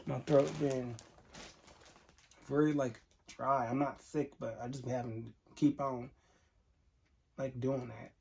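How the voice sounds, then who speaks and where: A man's voice: mid-range voice, flat delivery, slow, vocal fry, long pauses, a little mellow, breathy edge. A man vlogger telling an emotional storytime to camera, candid and earnest, talking straight to his viewers.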